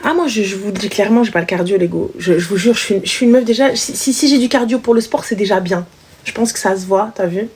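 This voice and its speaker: A woman's voice: mid-range voice, fast talker, a little mellow, slightly rough. A young woman hosting a live call-in stream, speaking bluntly and teasing her callers. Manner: blunt, teasing, switches into exaggerated mother voices. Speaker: live stream host taking calls. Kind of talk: casual live call-in chat.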